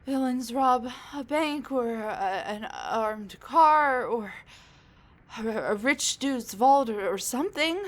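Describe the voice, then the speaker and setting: A woman with a fairly high-pitched voice plays a sassy, weary female supervillain in a roleplay audio drama. She talks straight to the listener in a casual, wry, halting way.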